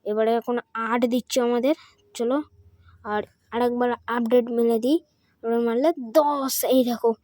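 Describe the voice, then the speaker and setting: A woman doing excited gameplay commentary, dropping Hindi phrases in as she counts and clicks. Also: on the high side, normal speed, no echo. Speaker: gaming channel host.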